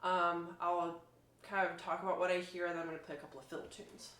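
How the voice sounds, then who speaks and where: A woman violinist demonstrating instruments gives an informal, casual review, thinking aloud as she goes. Her lowish voice is level in tone, fast, and a bit bright, recorded in an echoey room.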